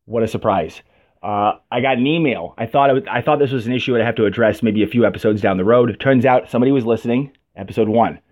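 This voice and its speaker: A man's voice: medium pitch, quick pace, darkish tone. A man ranting through a profane, sarcastic comic monologue as a podcast host. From New York. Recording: dull lo-fi audio.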